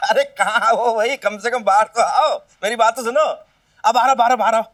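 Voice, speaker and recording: An actor playing a cheeky, boastful brother-in-law in a sitcom, brash and loud, with a lilt. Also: male voice, extremely high pitch, steady tone, normal speed, dry recording. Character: boastful scheming brother-in-law, Chhatanki Mama. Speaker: comic actor. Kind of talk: sitcom acting. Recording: dry, from a distance.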